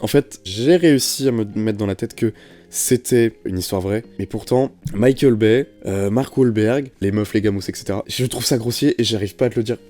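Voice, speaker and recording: A man's voice: fairly low pitch, normal speed, mellow, soft background music. A young man, guest in a casual film debate, speaking hesitantly and searching for his opinion. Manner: hesitant, unsure, searching for words.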